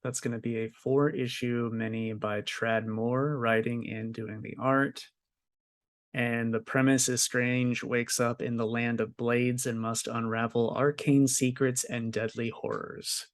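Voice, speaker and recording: Slow, matter-of-fact male podcast host. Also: medium pitch, level tone, no echo, clean studio sound. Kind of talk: casual chat, reading news listings.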